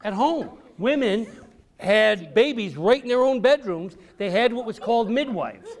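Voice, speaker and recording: A man with a high, expressive voice speaks a little slowly as a visiting author giving an educational talk to a group of children in a public library room. He addresses the kids directly and repeats questions and key phrases.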